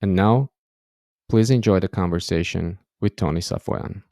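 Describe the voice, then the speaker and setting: A man's voice: low-pitched, moderate pace, dark tone, dry recording, clean studio sound. A man hosting an interview podcast, sometimes repeating words as he searches for the phrasing. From Armenia. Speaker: podcast host.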